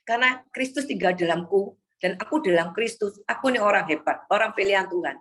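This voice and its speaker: A woman's voice: medium pitch, brisk, fairly bright tone, slightly rough. A woman preaching an exhorting sermon to a congregation on a video call, often calling the listeners "Saudara".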